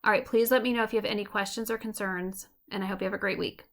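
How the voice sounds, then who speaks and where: Woman teacher explaining stuff, bright voice with a bit of fry, slows down to tap out beats. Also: medium pitch, steady tone. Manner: clear explanatory delivery, slows to tap out rhythms. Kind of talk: recorded online lesson.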